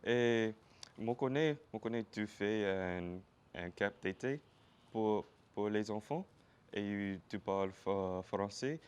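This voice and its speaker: A man with a Louisiana Cajun-Creole French accent hosting a casual interview, speaking haltingly and repeating his phrases. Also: fairly low pitch, a little mellow, clean tone, lo-fi sound. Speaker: interview show host.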